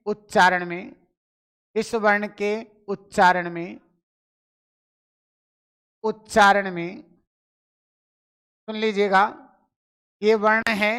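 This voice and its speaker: A male teacher runs a live online grammar lesson, posing questions, answering them himself and urging viewers to reply in chat. His voice sits high and sounds smooth and a bit bright.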